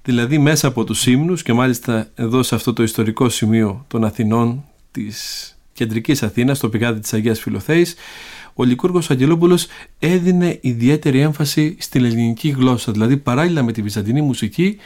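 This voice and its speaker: A man in a mid-pitched voice leads a reflective conversation. He speaks in careful, formal sentences and sets up his thoughts before he passes the floor to his guest. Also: darkish tone. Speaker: interviewer. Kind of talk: reflective interview talk.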